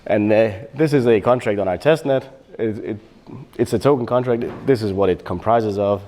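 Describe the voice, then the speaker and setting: A software developer, a middle-aged Bosnian man, presents a technical conference talk about developer tooling. His lowish voice moves at a moderate pace, and he explains things in a relaxed way, often using fillers and correcting himself.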